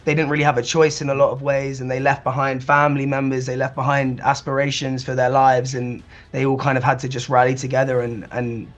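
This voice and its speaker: A man's voice: mid-range voice, level tone, brisk, hardly any pauses. A man in his twenties, an actor, answering earnestly with many fillers. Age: 20s. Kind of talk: press interview.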